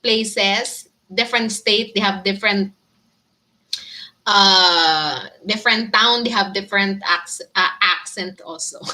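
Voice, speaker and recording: A woman with a Filipino accent chats with her viewers in an unhurried way. Her voice is bright and clear, and she giggles easily as she answers each comment. She is in her thirties and sounds friendly and talkative. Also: medium pitch. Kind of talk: casual live chat with viewers.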